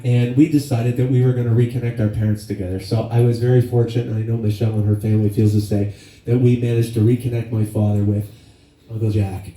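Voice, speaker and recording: A man's voice: fairly low pitch, dark tone. A man in his fifties giving a eulogy for his father, telling stories in a plainspoken, casual way with some swearing. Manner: storytelling with laughs and acted quotes. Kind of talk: eulogy speech. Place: memorial gathering in a hall. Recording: echoey hall, from far off.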